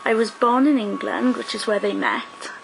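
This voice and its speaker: The audio is poor, with a faint hiss or hum, as a young woman from South Wales chats into her webcam at close range in a small indoor room. Her medium-pitched voice carries vocal fry at a moderate pace, and it's peppered with "um"s and "like"s.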